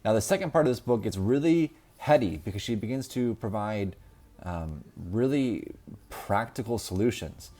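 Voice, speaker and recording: A man's voice: lowish voice, lively intonation, moderate pace, mellow. A man in his thirties giving a casual, unscripted book review, with many ums and restarts. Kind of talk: casual solo video review.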